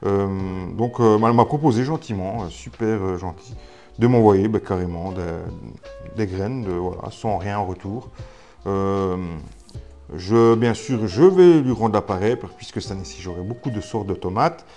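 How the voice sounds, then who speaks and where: A man's voice: lowish voice, normal speed, mellow, soft background music. A man from Belgium, chatting casually to camera about his seeds, full of fillers and restarts and self-mocking asides. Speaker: gardening YouTuber. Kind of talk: casual vlog talk to camera.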